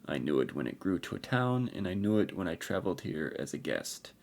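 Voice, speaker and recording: A man voicing an ancient armored warrior emperor, speaking formally and gravely in a rich voice. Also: low voice, very animated, a little fast, a little mellow, exaggerated voice. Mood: weary. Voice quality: rich voice with an unfamiliar accent.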